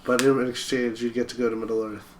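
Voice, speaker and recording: A man's voice: mid-range voice, little pitch movement, a little fast, poor audio. A man co-hosting a podcast in casual chat, laid-back and posing questions. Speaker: podcast co-host.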